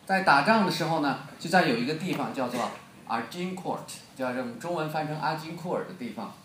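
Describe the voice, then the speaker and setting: A man's voice: a little high, expressive, fairly quick, fairly bright tone, slight background noise. Brief: Beijing man, storytelling preacher, joking, reverberant hall. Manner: joking, quizzes the audience. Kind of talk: storytelling sermon.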